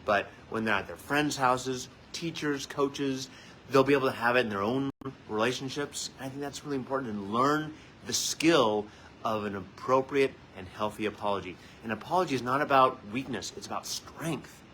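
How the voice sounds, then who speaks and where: A man who works as a family therapist speaks to parents in an earnest, conversational way, often leaning on "so" and "you guys." His voice sits at a mid pitch and has a bright, forward edge. A faint hum of noise sits behind him. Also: moderate pace, poor audio. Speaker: licensed marriage and family therapist; host of a weekly parenting tips segment. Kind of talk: casual spoken advice to parents.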